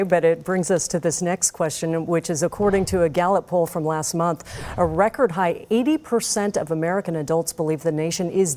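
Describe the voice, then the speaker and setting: A woman journalist moderating a televised debate in a measured, formal way. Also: fairly low pitch, a little mellow.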